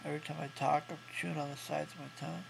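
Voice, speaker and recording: A man in his thirties speaks with heavy vocal fry and very little pitch movement, stuffed up and thick-mouthed after oral surgery. He talks in a halting, matter-of-fact video-diary style. Clear hum and noise sit behind his voice. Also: flat delivery. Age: 30s. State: congested, can't breathe through nose. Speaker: vlogger recovering from jaw surgery. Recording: clearly noisy home recording with hum.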